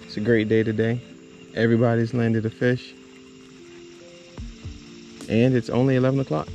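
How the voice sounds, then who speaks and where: Out on a lake in a kayak, a man chats and narrates casually for his fishing vlog. His mid-range voice is level, dark and creaky at a moderate pace, and the lo-fi recording carries faint music underneath.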